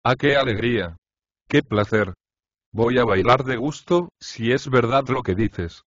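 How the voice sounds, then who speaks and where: A man voicing a gruff, complaining old male chorus leader in an audiobook of a comic play. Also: mid-range voice, animated, unhurried, dry recording, highs cut off. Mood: gleeful.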